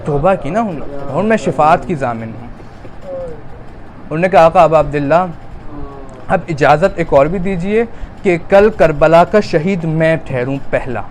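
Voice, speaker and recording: A man from Pakistan delivers a Muharram majlis sermon in a fairly high voice. He retells dialogue and builds into a loud, drawn-out lament. Faint street noise sits behind him. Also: expressive. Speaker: preacher.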